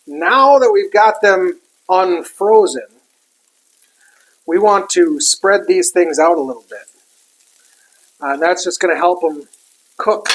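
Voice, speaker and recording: On a rough recording, a medium-pitched voice belongs to a cook casually chatting through a griddle demo. Food sizzles and utensils clink in the background.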